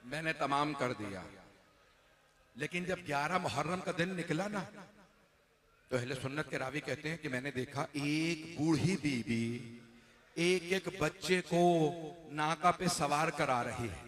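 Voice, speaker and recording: Man, mourning sermon, high-pitched, ringing tone, drawn-out wailing cries. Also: a bit bright. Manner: rises to long drawn-out wailing cries at climaxes. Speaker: Shia cleric reciting a majlis.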